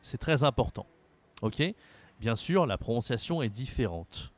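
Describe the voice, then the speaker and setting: A man from France teaching a French lesson, slowly over-articulating example words and speaking directly to the learner. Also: medium pitch, animated.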